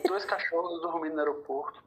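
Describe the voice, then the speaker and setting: A man from Brazil telling a story in casual podcast chat, acting out the dialogue and rushing through some bursts. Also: on the high side, slight background noise, poor audio. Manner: animated, quotes dialogue, rushes through bursts. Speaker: podcast guest.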